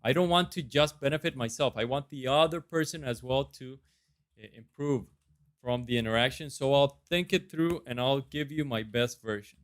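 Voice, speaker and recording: With a mid-range voice and moderate pace, a man in his thirties from Costa Rica rehearses answers to residency interview questions on camera. He speaks with a Costa Rican accent, earnest and sure of himself.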